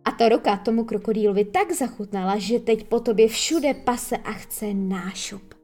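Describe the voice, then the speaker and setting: A woman's voice: a little high, dark tone, faint music behind, natural voice. A woman voicing a vain, menacing male pirate captain who boasts and gloats. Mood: gloating.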